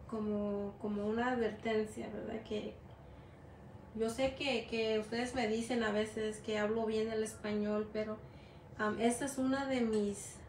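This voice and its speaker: This gelatin art teacher, a middle-aged Mexican-American woman from the United States, has a darkish voice that sits on the high side. Working at an indoor table, she gives a chatty, rambling hands-on demonstration in Spanish full of fillers and English words. Slight background noise and faint ambience fill the echoey room.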